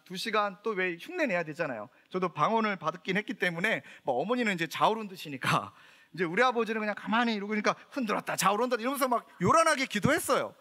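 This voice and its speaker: A man's voice: high-pitched, bright, forceful tone. A middle-aged man, a pastor, preaching a sermon with humorous storytelling and questions to the congregation.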